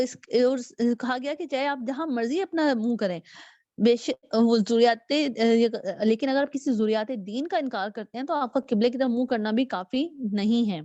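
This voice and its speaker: A woman's voice: fairly high pitch, a little mellow, no room sound. A woman giving a religious lecture, explaining step by step and reading scripture translations aloud with hesitant fillers. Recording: dull, dry lo-fi recording.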